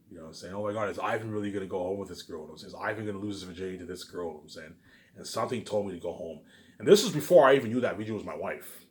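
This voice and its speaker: A low-voiced male vlogger delivers a rambling, repetitive personal monologue. He keeps restarting sentences and leaning on verbal tags, beginning emphatically before trailing off into mutters.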